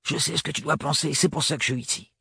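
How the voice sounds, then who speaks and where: A man reading an audiobook voices a brash young woman mechanic who talks gruff and slangy, in a husky voice. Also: a little high, fairly even intonation, fast, pushed and bright, no echo, studio quality, pitched above the performer's own voice, heavily acted. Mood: nervous, urgent.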